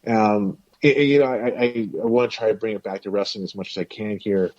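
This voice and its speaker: A man's voice: on the low side, fairly even intonation, a little fast, a little mellow, no echo. A man hosting a casual podcast discussion, talking in a rambling way with many restarts. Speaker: podcast host. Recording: dull dry lo-fi audio.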